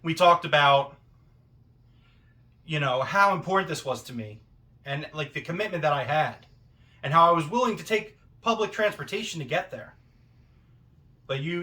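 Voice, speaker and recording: A man delivering a self-important, accusatory wrestling promo monologue, with deliberate pauses and rhetorical questions. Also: a little high, bright, forceful tone.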